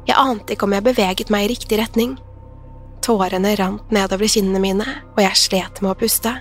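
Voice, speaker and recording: A woman reading a first-person horror story aloud in a calm, measured way. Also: medium pitch. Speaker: narrator. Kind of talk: scripted horror narration. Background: soft music.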